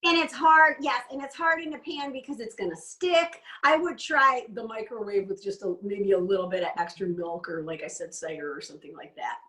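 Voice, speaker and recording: A woman's voice: fairly high pitch, brisk, hardly any pauses, bright, forceful tone, recorded from a distance, rough recording. A woman hosting a cooking class, chatting casually and explaining each step as she goes.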